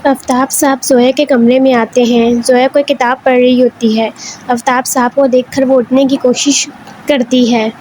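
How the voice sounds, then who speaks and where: A woman reads a novel aloud with steady storytelling. Her voice sits high. A faint hiss hums underneath. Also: poor audio. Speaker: story narrator. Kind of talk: reading an Urdu novel aloud.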